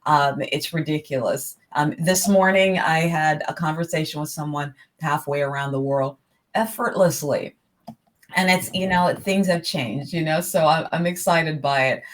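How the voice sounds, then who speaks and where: This is a woman from New York with a notably low voice, hosting an online interview. She talks with bright enthusiasm and laughs often, and she comes through a video-call microphone. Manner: energetic and enthusiastic, quick to laugh. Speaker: talk show host.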